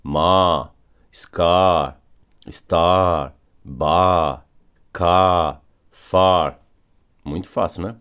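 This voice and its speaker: A man who speaks Portuguese natively, teaching English phonics patiently, slowing down on rules and repeating examples. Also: sits low, steady tone, a bit bright, clean tone. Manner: patient, repetitive, drawing out key words slowly. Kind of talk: phonics lesson explanation.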